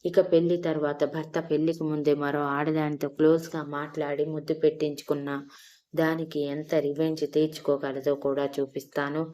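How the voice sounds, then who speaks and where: A woman's voice: deep voice, flat delivery, moderate pace, warm tone, close to an everyday voice. A woman voicing a young woman in love who pleads and scolds in an emotional way, in an audio story. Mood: teasing.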